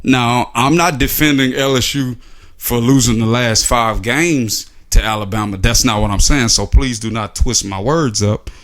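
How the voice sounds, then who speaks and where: A man's voice: mid-range voice, normal speed, fairly bright tone. A man delivering a casual, sarcastic opinion monologue, full of rhetorical questions and filler words. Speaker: sports commentary vlogger.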